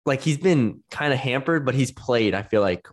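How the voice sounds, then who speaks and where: A man's voice: mid-range voice, animated, moderate pace. Guy hyping up a team on a sports podcast, casual and chatty, lots of likes and ums. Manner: enthusiastic, conversational, many fillers.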